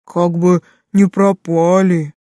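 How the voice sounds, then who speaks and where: Woman putting on a slow, booming old fisherman. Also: flat delivery, dark tone, no room sound, studio quality. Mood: flattering. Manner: booming, drawling, coaxing. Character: folksy old village fisherman, grandfatherly. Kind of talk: audiobook character voice.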